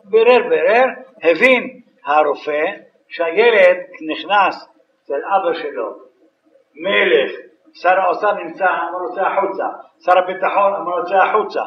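High-voiced man giving a distant, echoey sermon. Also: long pauses. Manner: animated storytelling, acting out voices. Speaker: rabbi. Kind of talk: Torah lecture on kosher law. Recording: distant, roomy, dull sound.

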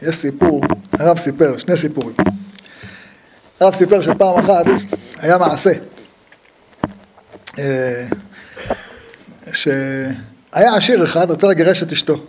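A man giving a humorous religious talk, telling stories with lively acted-out dialogue and frequent laughter. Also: fairly high pitch, pauses often, background noise. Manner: lively storyteller who acts out the dialogue; laughs often at his own stories.

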